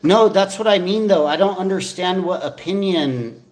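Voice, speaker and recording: A man's voice: high-pitched, animated, normal speed. A man in a casual livestream debate, talking informally and argumentatively, his voice echoing as if in a tunnel. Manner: informal, swearing, rambling argumentative talk. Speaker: streamer. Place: echoey indoor space. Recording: echoing room.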